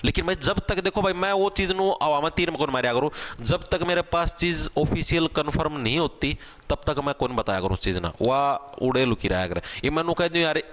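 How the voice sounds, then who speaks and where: A man teaching an exam-prep grammar class, casual, asking questions and answering them himself, sounding out letters slowly. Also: on the high side, fairly bright tone. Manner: spells out sounds slowly, one at a time. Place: online class video.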